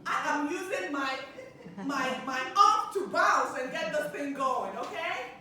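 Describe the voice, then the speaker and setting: Running an interactive stress-relief workshop, this Ghanaian-accented woman talks a little slowly in a high voice, full of cheer and frequent laughter as she questions her small audience. She's recorded from a distance in a heavily echoing room, with steady noise underneath.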